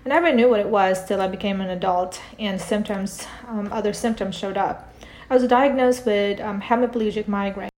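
A middle-aged woman born in the Philippines, a parent coach and author, talking calmly and reflectively as a guest in a podcast interview over a remote call. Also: medium pitch, moderate pace, a little hiss or hum.

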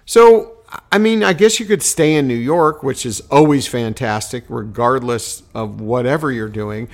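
A man's voice: medium pitch, unhurried. A man co-hosting a casual sports podcast, rambling and playful as he interrupts himself. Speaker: podcast co-host.

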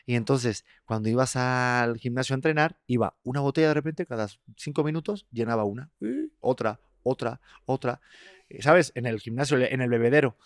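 A Mexican man telling a story on a podcast in a joking, crude way, laughing as he goes. His voice is of middle pitch. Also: moderate pace, no echo, clean studio sound. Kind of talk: casual podcast chat.

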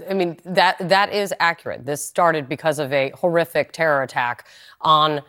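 American woman anchor doing a live news interview, low voice, measured and probing. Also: fairly bright tone.

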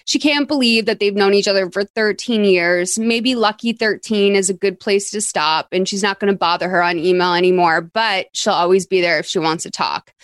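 Recapping a film on her podcast, a woman from Massachusetts rambles casually and fills her talk with "like." She speaks at medium pitch and a moderate pace, barely pausing. There's no echo, just clean studio audio.

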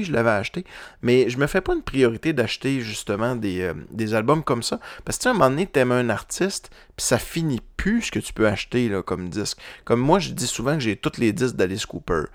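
A man's voice: medium pitch, dry recording, clean studio sound. A middle-aged man with a Québécois French accent, hosting a podcast and chatting casually about vinyl records, with many fillers and restarts. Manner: rambling, frequent fillers and restarts. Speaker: podcast host.

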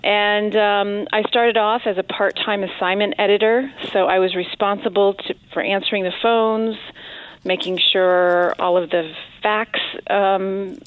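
A woman in her fifties, a TV news anchor, telling her story in an interview at a thoughtful pace with frequent pauses. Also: medium pitch, fairly even intonation, clean tone, dry recording. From born in the Philippines, raised in many countries. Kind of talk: casual interview conversation. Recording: tinny phone line, dry.

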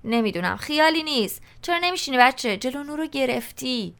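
A woman's voice: sits high, expressive, vocal fry, fairly bright tone, pitched above the performer's own voice, full character voice. A woman voicing a sarcastic, bored sixteen-year-old schoolboy who answers with dry retorts in an audiobook. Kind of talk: audiobook character reading.

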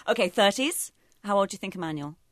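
A woman's voice: medium pitch, animated, fast talker, no echo, clean studio sound. A woman in her late twenties co-hosting a podcast, chatting casually with a wry, joking manner. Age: late 20s. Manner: wry and joking, laughs often. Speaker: podcast co-host. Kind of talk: casual chat.

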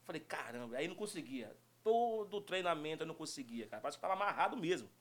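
Lively, animated man telling stories. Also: on the high side, fast talker. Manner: animated storytelling with frequent laughter. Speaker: guest storyteller. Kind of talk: casual chat.

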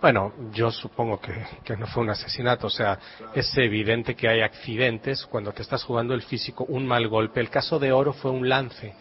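Heard through dull lo-fi radio sound, a Galician novelist from Spain responds to interview questions. He speaks at normal speed in a steady, medium-pitched voice, his answers thoughtful, literary and laced with dry humor.

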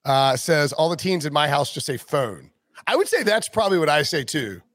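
A man's voice: a little high, big pitch swings, moderate pace, a bit bright, no echo, studio quality. A man in his forties hosting a casual sports podcast, joking and teasing his co-host. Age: 40s.

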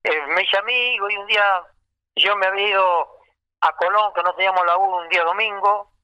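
A man with an Argentine accent, a singer recalling his career in a lively casual anecdote, acting out remembered dialogue. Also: sits high, brisk, clear, resonant tone, no echo, dull audio.

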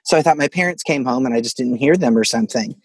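A man from Arkansas, in the United States, calls in from a closet at home to share a personal ghost story, chuckling casually as he tells it. His mid-range voice moves at a quick pace and is slightly rough, on a dry recording with poor audio.

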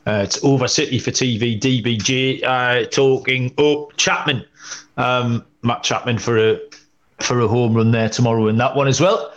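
A man hosting a sports betting podcast, talking in a middle-pitched voice. He runs through pitching stats and betting lines in relaxed chat, leaning on "um" and "uh" as he goes. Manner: brisk, reads stats with filler "um" and "uh". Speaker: podcast host.

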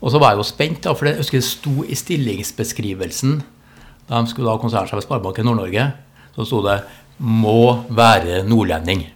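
A middle-aged man with a Trøndelag Norwegian accent, telling stories casually as an interview guest. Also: on the low side. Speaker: interview guest, business executive. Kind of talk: casual conversational storytelling.

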